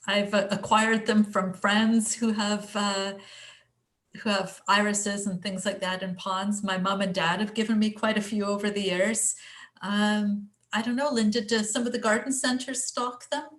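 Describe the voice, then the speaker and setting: A woman's voice: medium pitch, level tone, measured pace. An English woman chatting casually through a garden presentation on a video call, self-deprecating and full of fillers. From England. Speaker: guest speaker presenting her garden.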